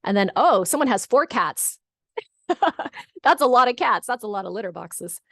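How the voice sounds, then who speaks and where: A middle-aged California woman leads a casual moderated chat over an online video call, relaying audience comments, repeating answers, and offering encouragement. Her voice is a little high and animated at a moderate pace, with studio-quality sound and no echo.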